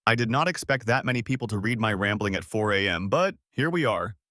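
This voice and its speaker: A man's voice: lowish voice, a little fast, no echo, clean studio sound. A man reading out a first-person story in scripted narration. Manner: lively storytelling.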